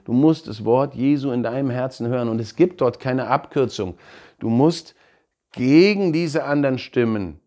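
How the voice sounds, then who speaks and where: A man preaching a sermon in an animated way, laughing now and then and acting out quoted voices. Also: mid-range voice, moderate pace. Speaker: pastor.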